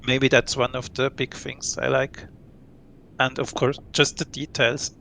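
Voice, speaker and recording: Swiss man, late thirties, relaxed guest, gravelly voice, faint rumble behind; thoughtful, laughs between points. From Switzerland. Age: late 30s. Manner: relaxed, thoughtful, laughs often, pauses to recall. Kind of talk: casual interview.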